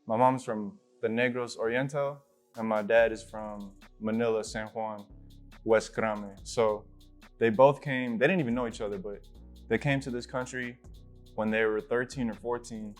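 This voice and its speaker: Relaxed young man, a bit winded. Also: fairly low pitch, normal speed, soft background music. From Illinois, USA. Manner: relaxed, thoughtful, many fillers. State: slightly out of breath. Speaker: rapper guest. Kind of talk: casual interview.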